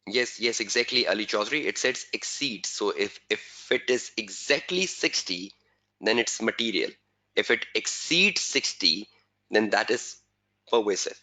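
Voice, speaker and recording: A man teaching an exam webinar, repeating key phrases slowly for emphasis and answering viewers' chat questions by name. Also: on the low side, animated, pushed and bright. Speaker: exam tutor.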